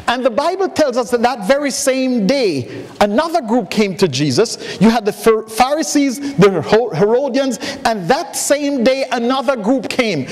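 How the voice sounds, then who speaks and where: High-voiced male pastor preaching. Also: darkish tone. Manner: folksy, storytelling, frequent restarts. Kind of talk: sermon. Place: church sanctuary. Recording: echoey church hall.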